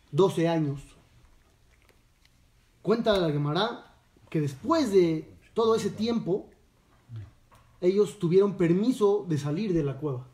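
A man's voice: sits high, mellow. A man, a rabbi teaching a Torah lesson, telling a story and asking his listeners questions. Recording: echoey room, distant mic.

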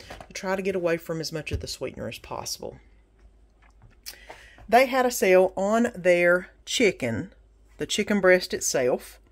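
Chatty woman showing groceries. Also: on the low side. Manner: chatty, practical, with frequent ums and sale prices. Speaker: grocery haul vlogger. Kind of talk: casual haul walkthrough. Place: home kitchen, indoors. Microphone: phone camera over a kitchen counter.

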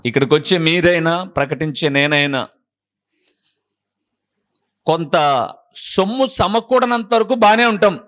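A man's voice: high-pitched, fairly bright tone. A man preaching a sermon as a pastor, pressing the congregation with repeated rhetorical questions.

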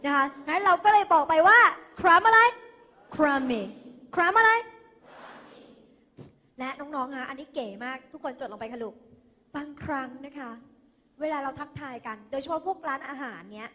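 A high, bright-voiced Thai woman teaches English to a class of students. She coaxes them along playfully and keeps drilling their pronunciation. Her voice rings with long hall reverb, as if it was caught on a phone. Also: moderate pace, pauses often. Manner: lively, calls students "kids" and "dear", drills pronunciation. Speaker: English tutor. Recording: echoey hall, phone recording.

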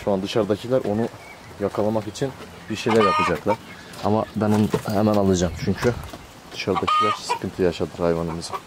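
A man's voice: lowish voice, steady tone, a little fast. Playful man in a noisy coop. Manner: playful, chatty, coaxing the bird and addressing viewers. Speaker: poultry vlogger. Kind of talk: casual chat to camera. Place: outdoor poultry coop. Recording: clucking birds loud behind. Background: chickens and quails clucking.

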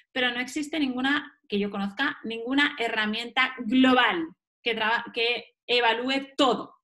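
A woman's voice: on the high side, a bit bright. A woman from giving a recorded lecture, explaining step by step and answering her own questions. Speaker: teacher.

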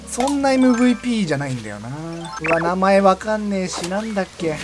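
Chatty young man with lively swings. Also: high-pitched, quick pace. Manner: chatty, laughs often, sudden loud outbursts. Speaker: game streamer. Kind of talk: casual game commentary. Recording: game music playing behind the voice. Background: background game music.

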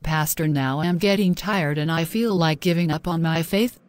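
A woman's voice: low voice, moderate pace, natural voice. A woman voicing a long-suffering, devout young wife who pleads and prays. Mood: pleading. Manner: pleading, prayerful. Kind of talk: animated drama voice acting.

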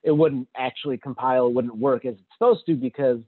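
A man's voice: mid-range voice, fast. A man giving a casual technical talk with slides, rambling with many fillers and restarts. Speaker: conference speaker. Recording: tinny phone-like audio.

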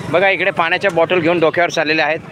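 A man's voice: on the high side, fairly even intonation, very fast, a bit bright, a little hiss or hum. A man in his fifties chatting to viewers on a live vlog while walking a road at night, full of fillers and restarts. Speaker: vlogger. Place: outdoors on a city road at night.

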